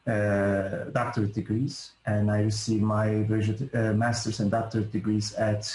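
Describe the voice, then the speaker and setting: A man's voice: fairly low pitch, level tone, normal speed, darkish tone, reverberant, rough recording. A middle-aged man from Turkey with a Turkish accent, a professor answering interview questions in a hesitant, reflective way with many fillers and restarts. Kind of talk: thoughtful academic interview answers.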